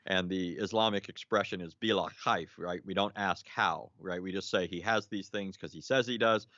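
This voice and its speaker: Man, low voice, dry and a bit dull sound; explainer on a live show, restarts often, tags points with "right?". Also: fairly even intonation, moderate pace, bright, forceful tone, no echo. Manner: lecturing, frequent fillers and restarts, rhetorical "right?". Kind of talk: live online discussion, explaining.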